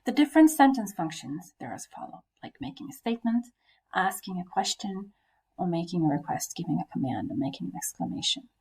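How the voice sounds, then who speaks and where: A woman's voice: on the low side, animated, fairly quick, darkish tone, husky. A woman teacher talking through a recorded lesson, explaining step by step with frequent fillers and questions to her students.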